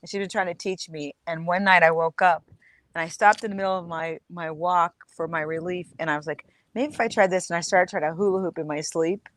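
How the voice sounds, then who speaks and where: Lower-voiced woman co-host, faint hiss. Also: fairly even intonation, fairly quick. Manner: enthusiastic, storytelling, restarts often. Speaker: co-host of a live postcard show. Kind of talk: casual live-stream chat.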